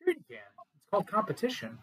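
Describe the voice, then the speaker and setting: Man, casual podcast co-host, joking and animated, laughs a lot, faint background hiss. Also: high voice, fast talker, poor audio. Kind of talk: casual wrestling chat.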